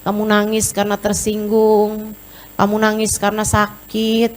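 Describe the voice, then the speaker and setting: A woman preaching a sermon with passion, gently pleading with her listeners and rising to tearful, shouted prayer. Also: mid-range voice, monotone, measured pace. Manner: addresses listeners as children and sisters.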